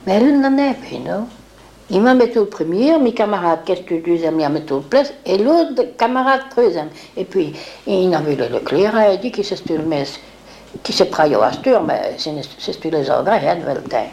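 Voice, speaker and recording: Older lady rambling through old memories, does the voices of people she quotes, dark gravelly voice. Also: on the low side, expressive, normal speed. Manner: rambling, acts out quoted speech. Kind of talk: reminiscing oral history.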